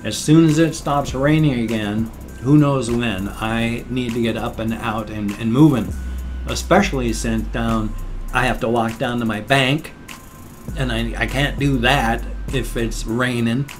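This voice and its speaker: A man's voice: medium pitch, fairly even intonation, a little slow, faint music behind. Older man hissing through loose dentures. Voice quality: hissing, slightly slurred speech from loose dentures. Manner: meandering, mildly grumbling, apologetic. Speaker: vlogger. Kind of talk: casual rambling monologue to viewers.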